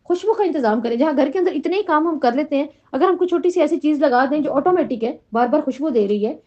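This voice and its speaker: Woman teacher, high voice, keeps asking the class questions, kinda muffled lo-fi sound. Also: animated, a little mellow. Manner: questioning, repeats "right?" to the class. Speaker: Quran teacher. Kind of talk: religious lesson to a class. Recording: dull lo-fi recording.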